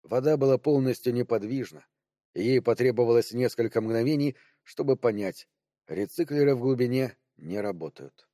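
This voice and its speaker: A man narrating an audiobook in a calm, measured storytelling manner. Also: mid-range voice, no room sound, studio quality. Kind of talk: scripted narration.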